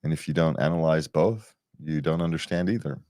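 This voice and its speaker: A man's voice: a bass voice, a little fast, mellow, dry recording, clean studio sound. A man hosting a relationship podcast in a casual, rambling, self-deprecating way, chuckling as he talks. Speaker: podcast host.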